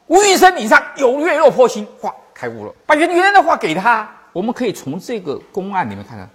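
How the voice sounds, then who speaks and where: A Buddhist teacher giving a teaching talk, telling old stories, acting out the masters' words, and slowly repeating and explaining key phrases. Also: medium pitch, fairly bright tone, breathy edge. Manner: storytelling, acting out quoted masters.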